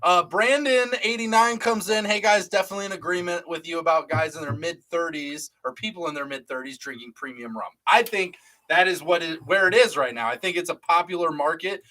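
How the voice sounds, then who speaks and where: Bright-voiced teasing man, casual banter. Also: a little high, fairly quick, few pauses, low-quality recording. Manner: teasing, joking, reads viewer comments aloud. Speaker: co-host of a live rum show. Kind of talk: casual live-stream banter.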